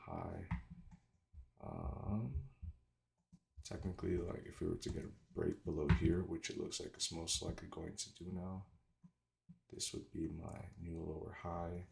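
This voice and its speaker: Very deep gravelly man, slight retainer lisp. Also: expressive. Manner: informal, halting, thinking aloud. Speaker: trader doing market analysis. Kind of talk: casual screen-share commentary.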